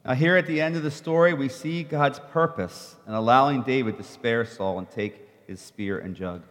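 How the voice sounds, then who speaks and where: A man preaching a sermon. He reads scripture aloud in measured steps and lifts his voice in the quoted speech, pausing so an interpreter can follow. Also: mid-range voice, fairly bright tone. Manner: measured Bible reading that rises in the quoted speech. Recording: long hall reverb.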